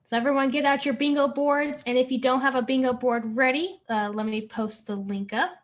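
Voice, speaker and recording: A woman's voice: sits high, brisk. A woman hosting a family-friendly online bingo event, chatty and encouraging, drawing out the words she announces. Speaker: event host running bingo.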